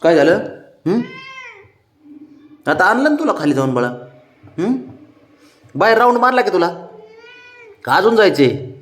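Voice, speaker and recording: A man at home talking baby talk to his pet cat, coaxing and pleading in a high sing-song voice, recorded on a phone. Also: very animated, a little slow, long pauses, echoey room. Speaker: cat owner. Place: home, indoors.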